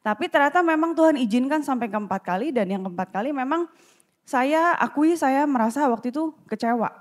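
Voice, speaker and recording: A woman giving a candid, animated personal testimony at the front of a church, with self-deprecating humor. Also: high voice, a little fast.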